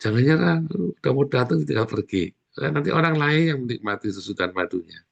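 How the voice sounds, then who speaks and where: A man preaching a sermon as pastor, speaking in an animated way with sudden loud exclamations. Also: medium pitch, a little fast, creaky, slightly rough.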